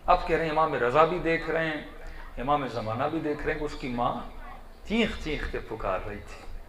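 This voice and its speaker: Man, preacher, dramatic storytelling, loud surges, fairly high voice, echoey hall. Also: crowd noise. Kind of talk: emotional majlis sermon storytelling.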